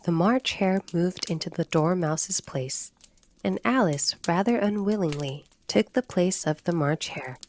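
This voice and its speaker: Woman, bedtime storybook narration, very slow, low voice, calm and measured.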